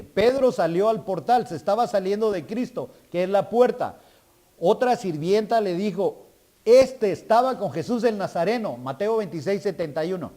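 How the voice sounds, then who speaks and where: A man's voice: a little high, dark tone. A male guest preacher delivering a sermon, calling for responses from the congregation and building to emphatic preaching.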